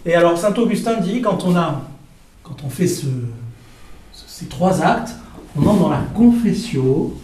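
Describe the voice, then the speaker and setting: A man giving a spoken teaching on prayer to a group, halting with many fillers and repeated words, asking the audience questions. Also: high voice, expressive, mellow. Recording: echoey room, voice from a distance.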